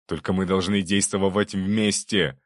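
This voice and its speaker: A man voicing a rough, scheming middle-aged official who talks curtly and commands with contempt. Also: low-pitched, fairly even intonation, unhurried, dry recording, clean studio sound. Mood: urgent. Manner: coarse, curt and commanding.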